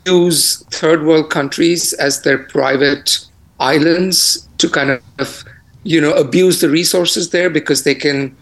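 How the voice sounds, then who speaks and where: A man's voice: on the high side, slow, creaky, poor audio. A man, a film reviewer and co-host, talking casually from home over an internet call, his voice crunchy and bitcrushed, with plenty of fillers and restarts. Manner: relaxed, with many fillers and restarts. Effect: crunchy, bitcrushed internet-call audio. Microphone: internet video call.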